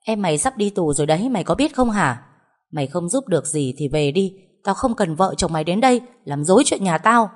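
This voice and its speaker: A woman voicing a doting, quick-tempered older village mother who cries, pleads and scolds. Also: lowish voice, expressive, darkish tone. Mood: scolding.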